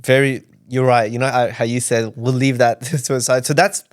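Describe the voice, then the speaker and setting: Casting: male podcast host, playful interviewer, mid-pitched voice. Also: little pitch movement, normal speed. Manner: jokey, laughs often. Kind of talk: casual interview chat.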